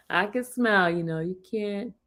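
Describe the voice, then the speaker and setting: A woman in her fifties hosts a livestream, chatting casually, laughing often and talking to her live chat. Her voice is medium in pitch with a touch of brightness.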